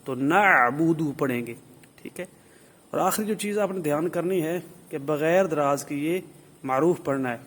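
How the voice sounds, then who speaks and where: A man teaching the rules of Quran recitation, explaining slowly and modelling drawn-out sample recitations. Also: on the high side. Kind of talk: tajweed lesson.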